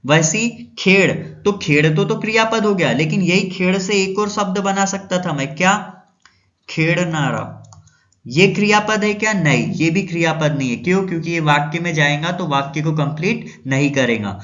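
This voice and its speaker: Guy teaching a grammar class, kinda high voice, asks a question then answers it himself, muffled lo-fi audio. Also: normal speed, a bit bright. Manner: asks questions and answers them himself, repeats key terms. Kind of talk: explaining grammar to viewers. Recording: dull, lo-fi sound.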